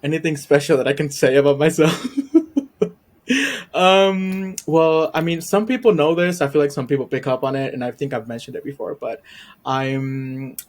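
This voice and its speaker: This YouTube reactor, a native Spanish speaker from Puerto Rico, chats as a guest on a podcast in a relaxed interview. He sounds slightly high and steady, somewhat dark in tone, moving at a moderate clip while shyly hesitating with frequent ums and soft laughter.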